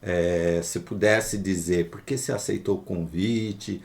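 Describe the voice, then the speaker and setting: Low-voiced male interviewer. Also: steady tone, a little slow, gravelly, a little mellow. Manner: long, winding questions. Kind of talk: conversational interview questions.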